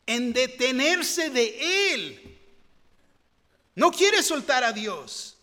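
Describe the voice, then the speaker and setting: A man's voice: very high-pitched, big pitch swings, very slow, pushed and bright. A man preaching a sermon, earnest and rising into fervent pleading. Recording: long hall reverb.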